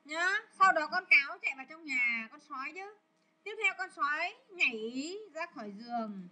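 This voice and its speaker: A woman teaching English to a class of children, asking questions loudly and scolding pupils who don't focus. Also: high-pitched, lively intonation, moderate pace. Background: children chattering.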